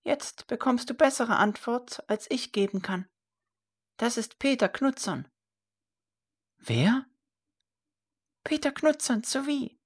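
A woman voicing an evasive, motherly old woman in a storybook reading, in a high, thin, wavering voice. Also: animated, takes it slowly, pauses often, husky, heavily acted.

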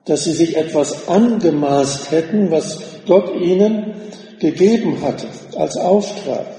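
Male preacher, slow and gravelly, dark tone, distant mic in a reverberant hall. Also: on the high side. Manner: slow, measured preaching with deliberate pauses. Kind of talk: sermon.

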